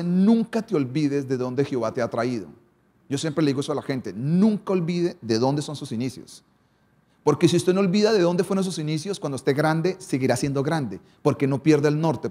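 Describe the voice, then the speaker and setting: A pastor delivers a sermon in a slightly high, somewhat mellow male voice. Preaching with varied emphasis, he alternates quick runs with slow, weighty lines and often pauses on rhetorical questions.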